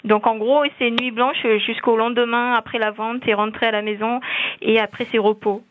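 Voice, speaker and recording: A farmer's daughter from French Guiana speaks by telephone as a guest in a radio interview, hesitating with many fillers and restarts. Her slightly high voice is flat and moderately paced, over a tinny, dry phone line.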